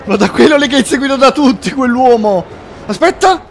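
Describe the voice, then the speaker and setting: Very high-voiced excitable male gamer. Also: a little fast, over music. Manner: excitable, yelps and laughs often. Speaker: gaming video host. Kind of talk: excited gameplay commentary.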